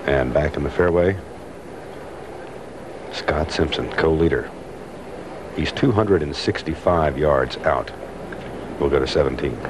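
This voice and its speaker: Very deep-voiced male golf commentator. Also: measured pace, long pauses. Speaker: golf commentator and broadcast anchor. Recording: noisy 1980s television broadcast.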